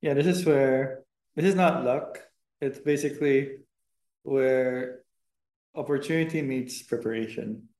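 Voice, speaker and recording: A man's voice: mid-range voice, unhurried, a little mellow. A man as a podcast guest, confidently explaining his views with punchy lines in casual chat. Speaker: guest, host's boyfriend. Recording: echoey room.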